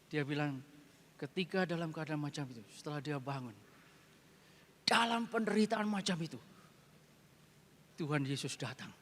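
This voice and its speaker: High-voiced pastor preaching in a reverberant hall. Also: male voice, normal speed, pauses often. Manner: dramatic retelling, often dropping to a hushed low voice; heavy repetition for emphasis. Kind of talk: sermon with dramatic storytelling. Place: large retreat hall.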